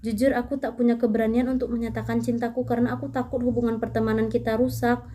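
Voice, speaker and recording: A gentle young man bids a soft farewell as he dies, read out by a woman in her own high voice. The tone is quiet and tender, close to plain reading. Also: level tone, fast talker, slight background noise, close to an everyday voice. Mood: wistful letter.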